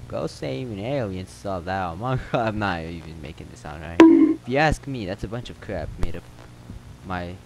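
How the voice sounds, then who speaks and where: A man's voice: deep voice, low-quality recording. A man voicing a gossipy male motel worker in a put-on accent, telling rambling, joking stories. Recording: loud game noise behind.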